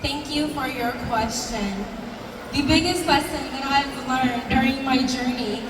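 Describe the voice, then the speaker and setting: A woman's voice: sits high, unhurried. A young woman giving a formal, prepared answer as a pageant contestant. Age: young adult. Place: large event hall stage. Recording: echoey hall, distant, noisy.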